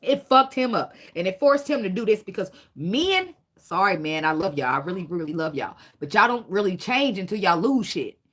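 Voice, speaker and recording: A woman's voice: fairly low pitch, a little fast, hardly any pauses. Blunt, profane woman reading tarot. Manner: blunt, profane, preachy, animated. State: tearful, fighting back emotion. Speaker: tarot reader. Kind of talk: casual tarot reading monologue.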